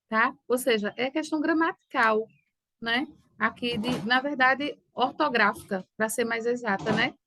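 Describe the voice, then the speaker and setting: A woman's voice: on the high side, a bit bright, no echo. A woman, a teacher going through exam questions and often checking in with her students. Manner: didactic, checks in with "né?" and "tá certo?". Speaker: Portuguese teacher. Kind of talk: exam review lesson.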